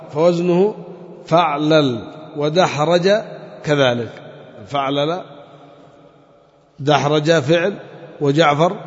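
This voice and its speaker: A man teaching a grammar lesson to a class. He explains step by step, repeats key terms and quizzes his students. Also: fairly high pitch. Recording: muffled audio with long hall reverb.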